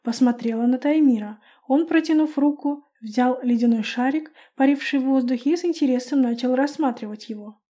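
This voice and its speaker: A woman narrating a first-person fantasy audiobook with a lively, expressive reading. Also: high-pitched, a little fast.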